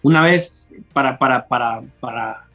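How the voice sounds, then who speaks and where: A man's voice: mid-range voice, unhurried, bright, forceful tone, soft background music. A young man, a youth leader giving earnest advice and telling his story as a guest, often repeating words as he restarts. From Honduras. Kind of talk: testimony and advice in an interview.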